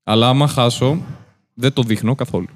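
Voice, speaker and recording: Calm, deadpan man. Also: medium pitch. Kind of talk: casual chat. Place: outdoors in city streets.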